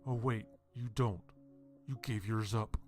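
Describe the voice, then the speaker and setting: A man's voice: lowish voice, steady tone, a little slow, a little mellow, faint music behind, natural voice. A man voicing a bitter father confronting someone with hard accusations. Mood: accusing.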